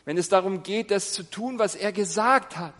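A man's voice: sits high, moderate pace, fairly bright tone, in a large hall. A middle-aged man preaching a sermon in an earnest, exhorting way, asking rhetorical questions.

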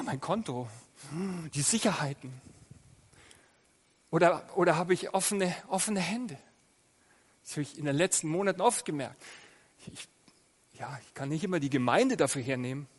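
A man preaching a sermon that ends in prayer, putting many direct questions to his listeners and swelling loud on key phrases. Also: sits high. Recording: long hall reverb.

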